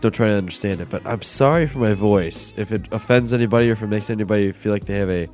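A man's voice: lowish voice, fast talker, a little mellow, faint music behind. A young male radio co-host with a cold and a stuffy nose, joking and self-deprecating in casual chat.

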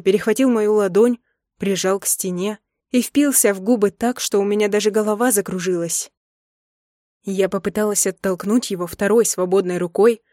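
A woman narrates a novel in first person with expressive, dramatic delivery. Her voice sits mid-range. The recording is close and dry, with no room sound. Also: medium pitch, dry recording. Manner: expressive, acts out emotional dialogue. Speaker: audiobook narrator.

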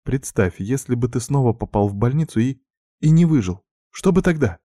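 A man's voice: medium pitch, expressive, normal speed, warm tone, dry recording, studio quality, voice pushed up, lightly acted. A man voicing a worried young woman scolding her younger brother in a pleading, upset way.

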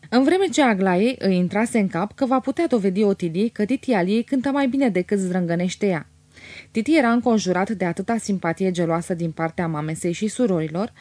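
A woman narrating a literary audiobook in a measured, expressive way. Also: mid-range voice, no echo.

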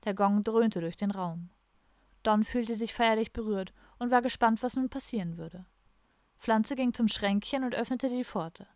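A woman narrating an audiobook in a steady, even storytelling manner. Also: a little high, a little slow, no echo, clean studio sound. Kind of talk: scripted narration.

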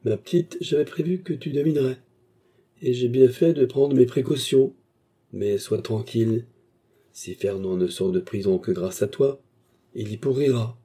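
A man reading aloud, voicing a cold aristocratic villain who gives orders in a cool, commanding way, with a husky voice. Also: mid-range voice, moderate pace, warm tone, pitched above the performer's own voice, natural voice. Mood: menacing. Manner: coolly commanding.

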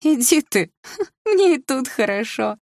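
A woman voicing a defiant, tipsy young woman who mocks and shouts at her brother, in an audiobook reading. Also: measured pace, slightly rough, no room sound, clean studio sound. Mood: defiant, shrill. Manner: shrill, mocking, shouting.

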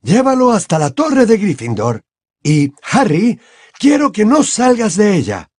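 A man voicing an old wizard headmaster who speaks firmly and with command, in a slightly husky voice. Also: sits high, wildly swooping pitch, measured pace, darkish tone, no room sound, studio quality, pitched above the performer's own voice, full character voice. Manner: firm and commanding. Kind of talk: audiobook character voice.

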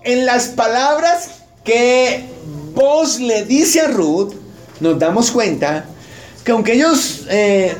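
A man delivers a sermon at an unhurried pace. His fairly high voice swings widely in pitch as he poses short questions to his listeners. Faint background noise sits under the recording. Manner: wide swings of pitch, rhetorical questions to the congregation. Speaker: pastor.

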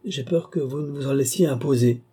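A man's voice: medium pitch, brisk, warm tone, husky, pitched above the performer's own voice, close to an everyday voice. A man voicing a proud, stubborn police chief in an audiobook, indignant and defiant.

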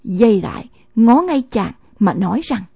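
A woman reading a novel aloud as an audiobook narrator, in measured storytelling narration, in a dull, lo-fi recording. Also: medium pitch, very animated, creaky, dark tone, slightly rough, dry recording.

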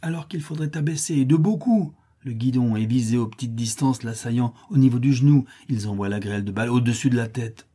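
A man's voice: medium pitch, a little fast, hardly any pauses, dark tone, breathy edge. A man reading an adventure novel aloud with vivid, emphatic delivery. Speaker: audiobook narrator.

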